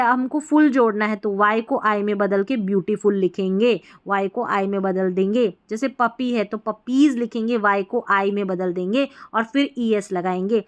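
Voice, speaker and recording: Patient woman teaching spelling rules. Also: on the high side. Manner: patient, repeats each point several times. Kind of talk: screen-based spelling lesson.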